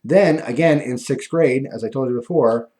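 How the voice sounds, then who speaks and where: A man talking casually and ramblingly to viewers, with a lispy voice from missing front teeth that softens his F and V sounds. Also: medium pitch, moderate pace. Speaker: video host.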